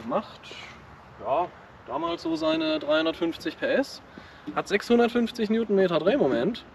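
Outdoors with his vintage car, a man runs a casual car vlog, chatting enthusiastically like a relaxed hobbyist. His voice is slightly high and creaky, with a bit of hiss or hum in the recording.

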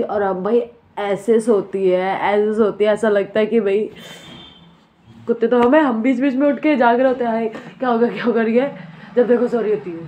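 A woman's voice: mid-range voice, warm tone, a little hiss or hum, low-quality recording. A woman vlogging about her pet dog, talking to it in a playful, teasing way with mock scolding and baby talk.

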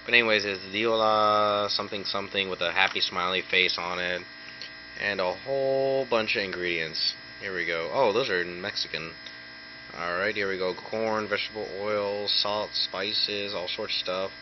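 A man's voice: lowish voice, fairly even intonation, moderate pace. Man in dull, humming lo-fi audio. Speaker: food review vlogger. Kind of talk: casual chat, snack review. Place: small cluttered room indoors. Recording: dull lo-fi audio with hum and clicks.

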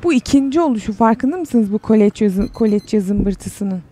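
A woman's voice: medium pitch, lively intonation, moderate pace, warm tone. A young woman casually commenting on a game while she plays, chatty and sarcastic, reading the game text aloud as she goes. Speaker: game streamer.

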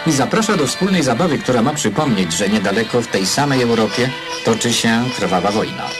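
A man reading newsreel voice-over narration in a measured announcer delivery. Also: medium pitch, very animated. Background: loud music bed.

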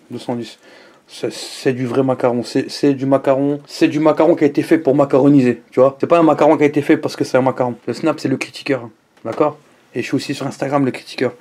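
Reviewing food in a laid-back vlog, a man speaks to the camera from his home, peppering his talk with lively exclamations and viewer asides. He has a medium pitch and talks fairly quickly.

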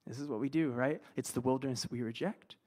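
A man preaching a conversational sermon, playful and self-deprecating, often dropping to hushed, almost whispered words. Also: medium pitch, fast talker. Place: church gathering.

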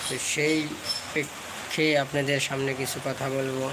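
A man's voice: medium pitch, little pitch movement, normal speed. A man with a Bangladeshi accent hosts a casual livestream, chatting to viewers with heavy rain around him. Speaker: livestream host. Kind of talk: casual live chat to viewers. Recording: loud ambient rain and traffic noise. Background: heavy rain, vehicle sounds.

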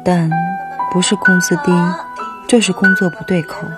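A woman narrating a TV drama in voice-over, calm and measured. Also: fairly low pitch, close to an everyday voice. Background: loud piano music.

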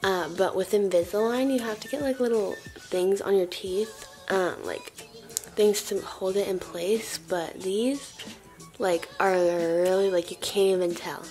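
A woman's voice: medium pitch, a little slow, darkish tone, faint music behind. A teenage girl vlogging in casual chat, talking with a slight new lisp and lots of fillers. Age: teens. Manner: chatty, filler-heavy, bubbly. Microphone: camera mic.

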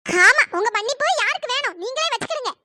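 Very high squeaky cartoon mother, scolding loudly, bright tense tone. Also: animated, fast talker, slight background noise, heavily acted. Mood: angry scolding. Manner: shouting, scolding. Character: furious scolding middle-aged mother, sharp-tongued. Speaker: angry aunt. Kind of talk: pitched-up cartoon voice acting.

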